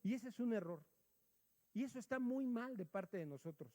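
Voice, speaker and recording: A man preaching a sermon, telling a personal story and acting out the dialogue, dropping quiet and then rising loud. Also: sits high, expressive, moderate pace. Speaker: pastor. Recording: long hall reverb.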